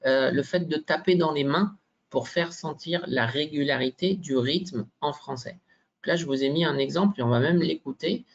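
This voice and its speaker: A man's voice: a little high, moderate pace. A man giving a teacher-training workshop presentation, hesitant, with many fillers and frequent tag questions. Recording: dull lo-fi sound.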